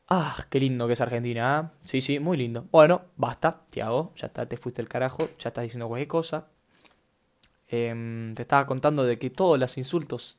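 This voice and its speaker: A man's voice: mid-range voice, a little mellow. Rambling young Rioplatense man. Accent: Rioplatense Spanish. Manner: scattered, self-mocking, slangy. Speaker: podcast host. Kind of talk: rambling solo podcast.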